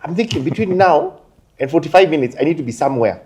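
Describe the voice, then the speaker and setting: A man's voice: fairly high pitch, big pitch swings, fast talker, a little mellow, a little hiss or hum. A man hosting a casual panel chat, telling stories animatedly and laughing often. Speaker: host.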